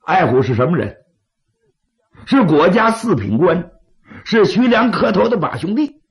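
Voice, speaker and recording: A man, as a dramatic storyteller, voicing a scheming, vindictive bandit lieutenant, persuasive and gravelly. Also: high voice, sing-song, measured pace, voice pushed up, full character voice. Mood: scheming, urging. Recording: slightly dull, lo-fi audio.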